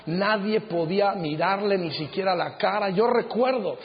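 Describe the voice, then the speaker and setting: A middle-aged male pastor preaching a sermon in an auditorium, earnest and measured, slowing down to stress key phrases. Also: sits high. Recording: dull sound with long hall reverb.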